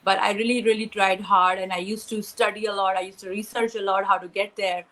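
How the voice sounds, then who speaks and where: A woman's voice: medium pitch, steady tone, fairly quick, fairly bright tone, rough recording. A young woman from Pakistan answering interview questions, hesitant, with many fillers and restarts. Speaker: interview guest.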